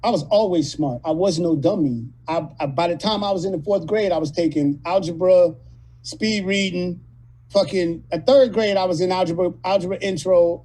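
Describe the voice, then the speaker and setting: A man in his late fifties from California, telling rough, profane stories as a guest in a casual interview. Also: high voice, dark tone, low-quality recording. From California, USA. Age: 50s. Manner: profane, rambling, street-talking storyteller. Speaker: actor guest.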